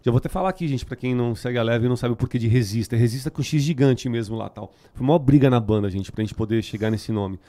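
Here a São Paulo–accented Brazilian Portuguese speaker, a musician from a band, talks casually as a podcast guest. He is a fast talker with hardly any pauses and a mellow, medium-pitched voice, and his speech is filler-heavy street slang.

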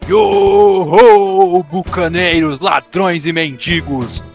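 A man's voice: high voice, steady tone, very slow, faint music behind, pitched above the performer's own voice, exaggerated voice. A man doing a blustering pirate captain on pirate radio. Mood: boisterous. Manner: loud, raised, gruff pirate-captain bluster with a laugh. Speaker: podcast host. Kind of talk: pirate radio broadcast intro.

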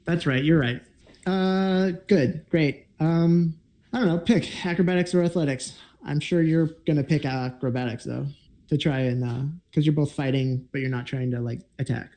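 Male game master, tabletop game, laid-back and rambling, dark and gravelly tone. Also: fairly high pitch, normal speed. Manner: relaxed, rambling with frequent fillers.

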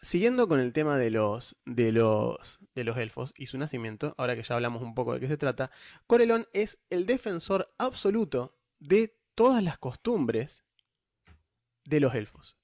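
A man's voice: medium pitch, very animated, moderate pace, darkish tone, no echo. A young man with a Rioplatense Spanish accent explains game lore in casual podcast chat. He talks animatedly, restarting his sentences often. The sound is dry and close, with no room around it. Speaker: podcast host discussing tabletop lore.

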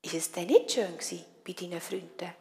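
A woman voicing a gentle mother rabbit who speaks softly and tenderly. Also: on the low side, moderate pace, gravelly, in a large hall, a little hiss or hum.

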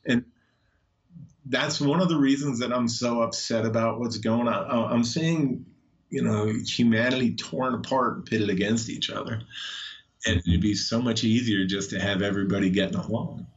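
A man's voice: mid-range voice, moderate pace. Texan man, middle-aged, blunt and sarcastic storyteller, easygoing, slightly muffled lo-fi audio. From Texas. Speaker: guest. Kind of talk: casual storytelling chat.

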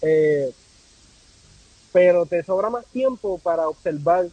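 His voice sits high, animated yet slow and mellow, as this Puerto Rican travel content creator guests on a podcast, speaking casually and reflectively in a Puerto Rican accent and repeating phrases for emphasis. The conversational interview is a low-quality recording without echo.

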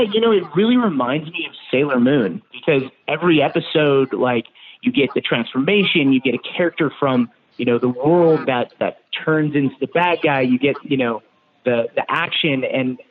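A man's voice: medium pitch, expressive, moderate pace. An American man gives a friendly, eager phone interview as a guest. His voice sits in an ordinary middle range. It comes through a thin, tinny phone line. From United States. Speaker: voice actor guest.

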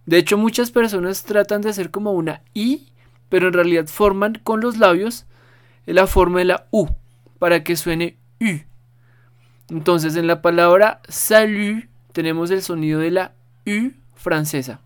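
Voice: medium pitch, unhurried, clear, resonant tone. A podcast host, giving a casual spoken lesson and patiently repeating words for the listener to practice. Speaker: podcast host teaching French.

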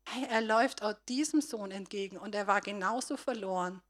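A woman giving a sermon, retelling a story and speaking straight to her listeners, her loudness swinging between soft and strong. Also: mid-range voice, fairly quick. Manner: retells a story with acted voices. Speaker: preacher.

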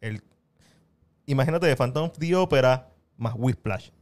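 A man hosting a casual podcast speaks at an ordinary middle pitch. He talks with eager enthusiasm, piling praise on the films he recommends. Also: lively intonation, moderate pace, a little mellow. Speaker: podcast host. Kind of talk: casual film chat.

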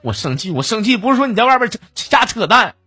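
A man's voice: sits high, big pitch swings, fast talker, pushed and bright, husky, faint music behind, voice pushed up, full character voice. A man voicing an angry wife who scolds and mocks her husband. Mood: scolding, mocking. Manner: scolding, mocking.

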